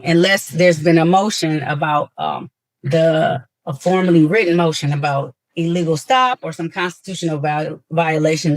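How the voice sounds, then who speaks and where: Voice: mid-range voice, no echo. A judge running a hearing, speaking formally and procedurally with frequent ums, captured on a courtroom recording.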